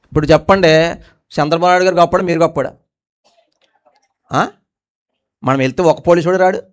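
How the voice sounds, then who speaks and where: A male pastor delivers a sermon in a high, smooth, resonant voice. He keeps throwing questions at the congregation and drops from forceful emphatic lines to quiet, low asides. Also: fairly quick. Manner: preaching with call-and-response questions to the congregation.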